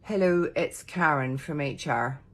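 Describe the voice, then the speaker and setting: Husky woman mimicking accents. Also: deep voice, unhurried. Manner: mimicking a string of accents on one line. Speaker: TikTok comedian. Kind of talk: comic accent sketch.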